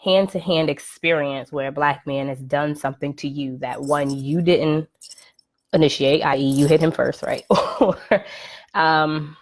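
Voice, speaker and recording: A woman's voice: deep voice, fairly even intonation, a little slow. A woman hosting her first live podcast, talking casually with many "right?" checks and "um" fillers. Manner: conversational, frequent "right?" and "um" fillers. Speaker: podcast host. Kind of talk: casual live-stream monologue. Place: at home, live video stream. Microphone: computer or phone mic on a live stream.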